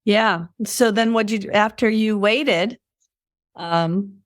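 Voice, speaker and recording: A woman's voice: medium pitch, takes it slowly, no echo, studio quality. A woman hosting a casual interview while fighting a cold, rambling and correcting herself as she talks. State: has a cold. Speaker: podcast host.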